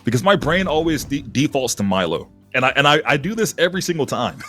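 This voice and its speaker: Male esports caster, husky and highly animated, casual live play-by-play over music. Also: quick pace. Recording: music behind the voice.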